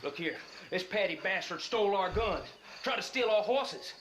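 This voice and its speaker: An actor playing a threatening outlaw who shouts his threats. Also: high-pitched, lively intonation, normal speed, a little hiss or hum. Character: threatening male outlaw posing as French. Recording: roomy game audio with crowd.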